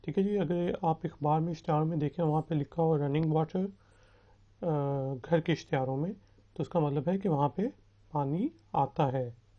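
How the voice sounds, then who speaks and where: A man teaching a recorded beginners' language lesson. He patiently drills phrases slowly and asks learners to repeat after him. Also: fairly high pitch. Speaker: spoken English teacher. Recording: dull, lo-fi recording.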